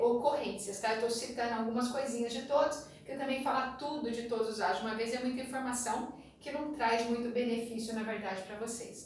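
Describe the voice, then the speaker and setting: Chatty Brazilian woman, chemistry teacher, higher pitch, distant mic in an echoey classroom. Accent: Brazilian Portuguese. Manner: chatty, repeats a sing-song memory rhyme. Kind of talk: classroom lecture. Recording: very echoey room, distant mic, faint noise.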